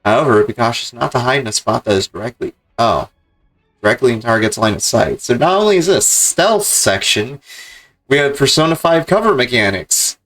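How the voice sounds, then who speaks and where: A man's voice: mid-range voice, expressive, moderate pace, a bit bright, faint music behind, poor audio. A man streaming a game, mixing casual commentary with reading the on-screen text aloud.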